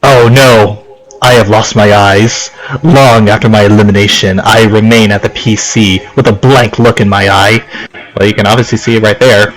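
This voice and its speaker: His voice is lowish and steady at a normal pace, captured on a rough recording with game music playing. The Okinawa-based let's play host chats loosely about the game, reads on-screen text, and laughs at himself as he goes.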